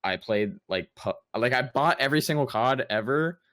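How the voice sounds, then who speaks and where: A man's voice: medium pitch, animated, normal speed, a bit bright, dry recording, studio quality. A young man in casual chat on a gaming podcast, rambling with lots of fillers and restarts. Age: young adult. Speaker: podcast co-host.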